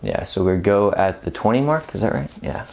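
A man in his thirties talking casually to camera as a fitness vlogger during a workout, informal and halting between efforts. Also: lowish voice, animated, creaky, darkish tone. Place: home gym room, indoors.

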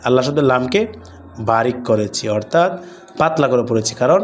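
A man teaching Quran recitation with tajweed rules, explaining patiently and chanting the verses slowly and melodically. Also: mid-range voice, animated. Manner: slow and deliberate, drawing out recited words melodically; patient, repeats words and asks the class questions.

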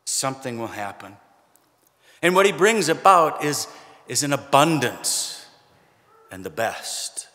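In a church sanctuary, a middle-aged male pastor preaches from the pulpit, conversational, with gentle humor and pauses for emphasis. His medium-pitched voice swings widely in pitch and carries a long church reverb, picked up by a pulpit microphone and a far camera.

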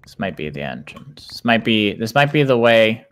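A young man hosting a casual Minecraft let's play, excitable and quick to laugh, talking in fast bursts. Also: on the low side, smooth. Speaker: gaming channel host.

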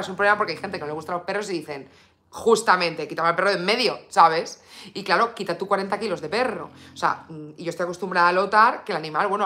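Woman streamer, from Spain, bright tense voice, chatty and rambling, coos to her dog. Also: lowish voice. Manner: chatty, lots of fillers, reads viewer comments aloud. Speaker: beauty vlogger live streaming. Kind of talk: casual live stream chat.

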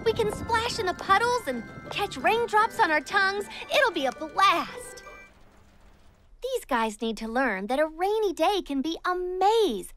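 A woman's voice: very high voice, big pitch swings, measured pace, a bit bright, faint music behind, full character voice. A woman playing a cheerful, encouraging young fashion-doll woman in a cartoon, upbeat and coaxing. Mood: excited coaxing.

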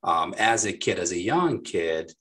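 Low husky-voiced man on a video call. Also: lively intonation, measured pace, a bit bright. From Lebanon. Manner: friendly, talkative, frequent fillers and restarts. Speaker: guest, business owner. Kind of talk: casual interview over video call. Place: small dark home studio. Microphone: desk microphone on a boom.

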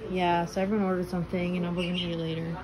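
A young woman vlogging with her phone in hand, chatty and quick to laugh, talking to camera among family. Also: fairly low pitch, flat delivery, rough recording. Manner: chatty, laughs easily, self-narrating to camera. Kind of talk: casual handheld vlog. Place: car, restaurant and church. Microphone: phone held in hand. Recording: busy background chatter. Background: chatter of family and friends around her.

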